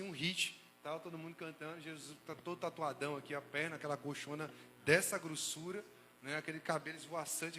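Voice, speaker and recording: Animated Brazilian preacher in an echoing hall. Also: male voice, a little high. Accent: Brazilian Portuguese. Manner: animated, joking preacher with rising shouts and sudden hushed asides. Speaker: pastor. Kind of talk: sermon.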